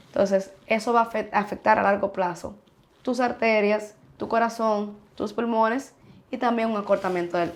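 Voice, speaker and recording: A woman's voice: mid-range voice, creaky. A woman urologist answering interview questions frankly and emphatically, sometimes acting out what patients say. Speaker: urologist guest.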